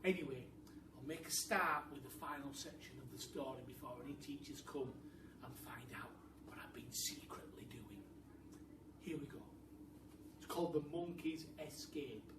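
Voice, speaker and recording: A man tells a story to children the way a primary teacher might, informally and with chatty asides addressed straight to them. His voice is mid-range and his pace moderate. The recording is roomy and noisy, with a distant microphone.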